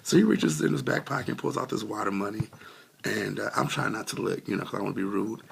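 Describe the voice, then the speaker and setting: A man's voice: lowish voice, fast, creaky, a little hiss or hum. A man telling a heartfelt personal testimony in a casual way, with many fillers, close to tears and still coughing a little. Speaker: vlogger sharing a testimony.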